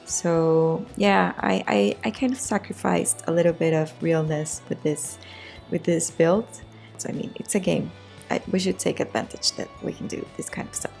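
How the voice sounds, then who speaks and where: Woman, low gravelly and raspy voice, informal game-build narrator who rewords as she goes. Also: fairly even intonation, normal speed, a little mellow. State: raspy voice today. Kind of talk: casual voice-over commentary on a game build. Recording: music behind the voice. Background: background music.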